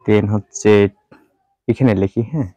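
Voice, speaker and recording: A man teaching English pronunciation in Bengali, repeating each sound slowly and mixing in English words. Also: fairly low pitch, mellow, no echo. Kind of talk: spoken language lesson.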